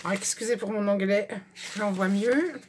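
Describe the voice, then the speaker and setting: A woman's voice: mid-range voice, normal speed. Chatty woman showing craft finds. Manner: chatty, many fillers, shows items one by one. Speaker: craft vlogger. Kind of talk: casual haul video. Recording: faint background noise with clicks.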